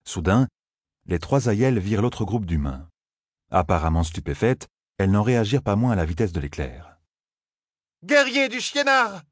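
A man narrating an audiobook in a steady, measured reading voice. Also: low-pitched, husky, no room sound, studio quality.

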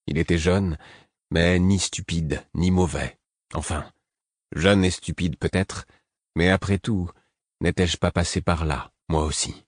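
A man reading a first-person audiobook in a measured, steady storytelling manner. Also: sits low, no echo, studio quality. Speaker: audiobook narrator.

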